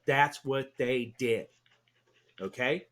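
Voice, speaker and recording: A talk radio co-host chats casually about sports in an ordinary mid-range voice. He gets worked up quickly, swears freely, laughs, and keeps repeating himself.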